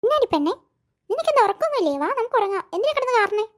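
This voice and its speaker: A woman voicing a calm, coaxing older sister in a cartoon. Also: very high-pitched, racing. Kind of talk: cartoon voice acting.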